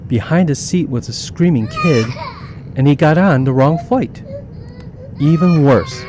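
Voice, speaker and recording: A man narrating an animated children's story, reading in an animated, expressive way. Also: a little high, a little slow, background noise. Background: background music.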